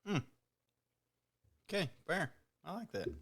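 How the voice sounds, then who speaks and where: A man's voice: high-pitched, expressive, takes it slowly, creaky, fairly bright tone, husky. A man co-hosting a podcast, chatting casually in a laid-back, joking way and swearing freely. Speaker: podcast co-host. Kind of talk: casual chat.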